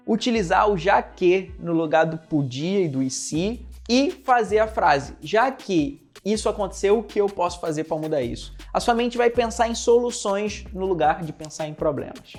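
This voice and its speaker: Male coach with a fairly high voice, telling stories in a chatty way to teach a lesson, soft music underneath. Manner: conversational, speaks straight to the listener and acts out quoted dialogue. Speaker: neurolinguistic programming coach. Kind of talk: online lesson told through personal stories. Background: faint background music.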